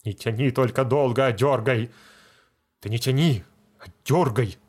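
A man voicing a pleading, wailing village deacon with a bad tooth, in a high, strained voice. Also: unhurried, a little mellow, close to an everyday voice. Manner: pleading, then wailing and scolding.

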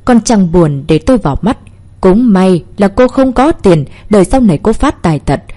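A furious old matriarch, as a woman reads her part scolds in a loud, harsh voice with a husky, mellow tone. Her pitch swings widely as she berates the family. It is a stern grandmother from a spoken storybook. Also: expressive, normal speed. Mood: furious scolding.

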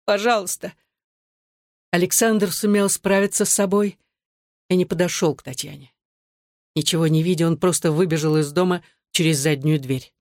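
An audiobook narrator reading a dramatic novel in a steady, measured way. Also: medium pitch, no echo, studio quality.

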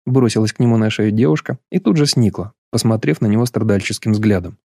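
Dark-voiced male audiobook narrator. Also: fairly low pitch, vocal fry, husky, no room sound, clean studio sound. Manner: even, measured reading. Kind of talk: scripted narration.

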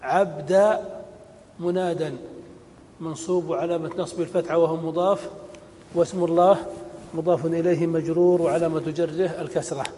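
A man teaching a grammar lesson, slow and deliberate, repeating each rule and giving spoken examples. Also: steady tone, mellow. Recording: long hall reverb with faint rumble.

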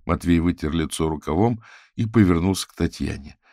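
A male narrator reads a detective novel in an even, steady way. His voice is very low and gravelly. The recording is dry and close. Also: brisk, dry recording. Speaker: audiobook narrator. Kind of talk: scripted narration.

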